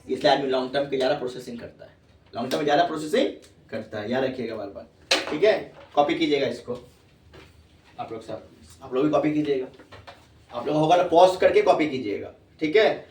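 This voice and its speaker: A man with a mid-range, slightly mellow voice teaches tax to students a little fast, and there's a faint hiss or hum. He repeats questions to check comprehension and calls them "babu"; the classroom echoes and the mic sits at a distance.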